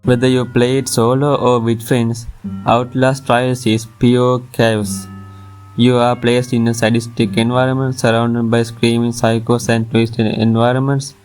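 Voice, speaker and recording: A man's voice: medium pitch, little pitch movement, measured pace, a little mellow, smooth. A man reading a scripted top ten countdown as its narrator, with music playing behind him. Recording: music under the voice.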